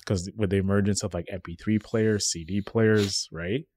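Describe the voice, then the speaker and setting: Low-voiced Kenyan-born man, very dry sound. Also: steady tone, moderate pace, a little mellow, no echo. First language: Swahili. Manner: reflective storytelling, frequent "right?" tags. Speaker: podcast guest. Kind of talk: casual podcast conversation.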